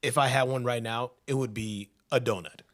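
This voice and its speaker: A man's voice: mid-range voice, fairly even intonation, a bit bright, no room sound, studio quality. Teasing male panelist. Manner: teasing, quick back-and-forth. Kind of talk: casual panel chat.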